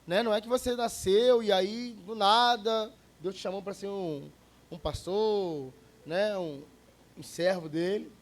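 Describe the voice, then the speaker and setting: Male pastor, relaxed storytelling sermon, bright high voice. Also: measured pace. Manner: conversational, storytelling, joking with the congregation.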